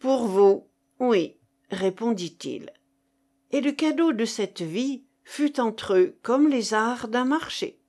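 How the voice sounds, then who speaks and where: A woman narrating a classic novel aloud in a measured, expressive reading. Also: a little high. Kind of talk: audiobook reading of classic fiction.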